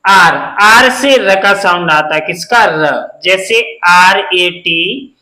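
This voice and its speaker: A man's voice: high voice, lively intonation, very slow, sharp tone. Guy teaching phonics, spells stuff out, asks then answers himself, echoey room. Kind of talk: phonics lesson for beginners.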